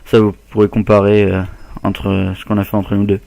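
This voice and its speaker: A man's voice: lowish voice, monotone, fairly quick, vocal fry, dark tone, dry recording. A man casually commenting on his own gameplay as a gaming YouTuber, chatting and muttering to himself as he plays.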